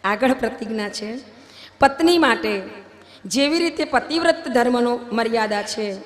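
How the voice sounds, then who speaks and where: A woman's voice: a little high, expressive, unhurried. Emphatic woman officiant in a reverberant hall. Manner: emphatic, swelling louder on key points. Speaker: wedding officiant at a religious gathering. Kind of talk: ceremonial vow recitation and preaching. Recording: long hall reverb, faint music.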